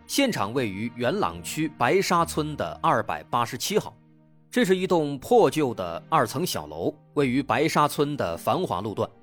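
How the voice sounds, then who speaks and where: A man narrates a true-crime story as the show's host. His pitch swings widely, rising and falling to build drama, around a medium pitch. Faint music runs underneath.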